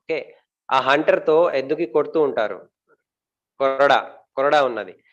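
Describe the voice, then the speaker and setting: Man teaching an audience, muffled recording. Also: medium pitch. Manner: asks the audience questions and answers them himself; pauses often with fillers, repeats words. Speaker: speaker giving a talk on marriage.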